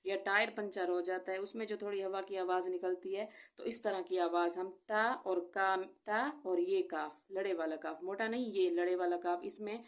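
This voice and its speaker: A woman gives a recitation lesson for an online channel. She talks patiently through each sound at a mid pitch, then repeats the words slowly and clearly so they can be copied. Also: steady tone. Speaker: Quran recitation teacher.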